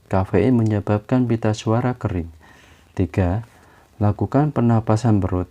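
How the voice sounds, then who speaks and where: Man reading a book, dark voice. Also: fairly low pitch. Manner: steady, measured reading of a self-help text.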